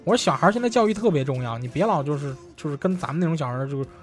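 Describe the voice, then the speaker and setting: Animated fast-talking man. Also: a little high, soft background music. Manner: animated storyteller, acts out quoted exchanges. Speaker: podcast co-host. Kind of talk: casual chat, storytelling.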